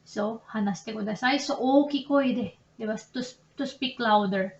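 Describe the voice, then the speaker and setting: A woman's voice: fairly high pitch, measured pace, reverberant, muffled recording. A young Filipina woman, teaching Japanese grammar in a chatty, casual way, often correcting herself and laughing at her slips. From Philippines. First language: Tagalog. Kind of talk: casual online lesson in Tagalog and English.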